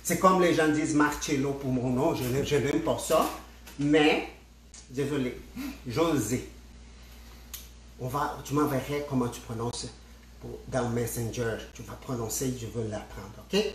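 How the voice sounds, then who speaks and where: A man's voice: medium pitch, steady tone, unhurried, a little hiss or hum. A man gives a casual spinning tutorial on a livestream. He speaks straight to his viewers and often repeats and restarts his words. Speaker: spinning instructor. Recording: echoey room.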